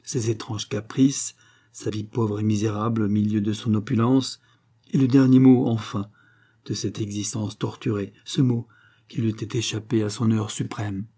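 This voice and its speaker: Husky-voiced man narrating a novel. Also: on the low side. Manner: measured, expressive storytelling. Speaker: audiobook narrator. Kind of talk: reading a 19th-century novel aloud.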